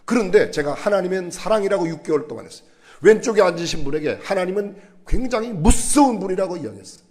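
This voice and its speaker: A man preaching a sermon in a church, animated and asking the congregation questions. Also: high voice, quick pace. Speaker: pastor.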